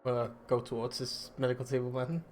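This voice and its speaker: A man's voice: mid-range voice, little pitch movement, quick pace, darkish tone, soft background music. A man playing a tabletop game, giving blunt, decisive calls. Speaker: player.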